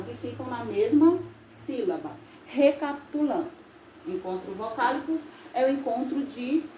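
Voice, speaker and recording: A woman from Brazil, a teacher, explaining grammar in a recorded video lesson, slow and patient, with frequent recaps. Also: fairly high pitch, darkish tone. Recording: echoey room with faint noise.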